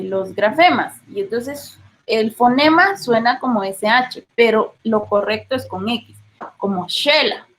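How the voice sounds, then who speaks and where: A woman's voice: on the high side, low-quality recording. A woman teacher with a Guatemalan accent giving a patient classroom lecture, often checking in with her listeners. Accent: Guatemalan Spanish. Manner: explains patiently, checks in with frequent rhetorical questions.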